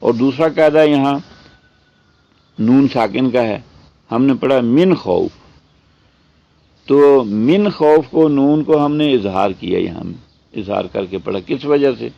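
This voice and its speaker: A man teaching a tajweed lesson. He explains step by step, asks and answers his own questions, and draws out the recited words slowly. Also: mid-range voice, gravelly, warm tone, no room sound, lo-fi sound. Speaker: Quran teacher.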